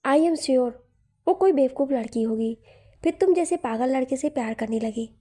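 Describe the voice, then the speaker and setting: A woman voicing a shy young woman from a love story, speaking softly. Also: high-pitched, moderate pace.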